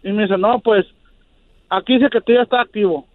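Caller, man, halting, high voice on a tinny phone line. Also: steady tone, dry recording. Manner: plain narrating, halting restarts. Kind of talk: phone call to radio show.

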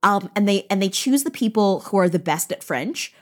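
A woman co-hosting a casual book podcast, animated and swearing freely as she acts out quotes from the story. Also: medium pitch, normal speed. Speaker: podcast co-host.

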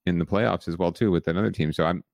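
A man's voice: low voice, fast, gravelly, a little mellow, no room sound, studio quality. A man co-hosting a podcast, chatting casually about baseball with fillers, restarts and wry jokes. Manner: conversational, many fillers and restarts, wry humor. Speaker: podcast co-host. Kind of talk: casual sports chat.

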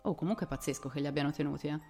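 A woman voicing an irreverent adult brother who teases with a brash, mocking manner, raised a little above her usual low voice. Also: fairly even intonation, racing, gravelly, a little mellow, faint music behind. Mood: teasing. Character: teasing adult younger brother, joking and irreverent.

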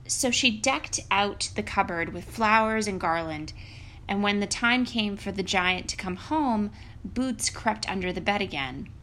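Slow-paced woman reading a fairy tale. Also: medium pitch, pushed and bright, a little hiss or hum, rough recording. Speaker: storyteller. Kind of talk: expressive fairy-tale narration.

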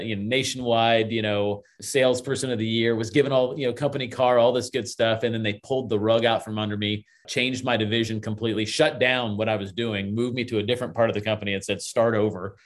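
A man in his forties from Florida, telling his story as a guest in a casual interview, chatty and upbeat. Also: on the low side. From Florida, USA. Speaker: guest, real estate investor.

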